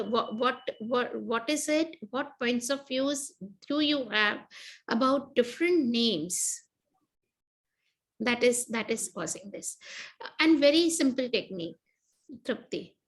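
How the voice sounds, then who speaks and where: A woman, leading a guided clearing session and repeating set phrases that trail off into murmurs. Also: high voice, lively intonation, takes it slowly, pauses often, low-quality recording.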